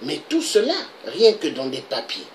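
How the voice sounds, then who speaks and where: A man's voice: fairly high pitch, wildly swooping pitch, normal speed, a little hiss or hum, low-quality recording. A man from the Congo, delivering an impassioned political monologue full of repeated rhetorical questions. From Republic of the Congo. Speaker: political video blogger.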